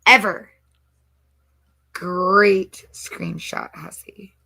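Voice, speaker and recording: A woman's voice: fairly low pitch, fairly even intonation, very slow, gravelly, bright, forceful tone, low-quality recording. A woman in a played stream clip who explains what happened in a rambling way, full of fillers. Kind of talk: casual streamed commentary.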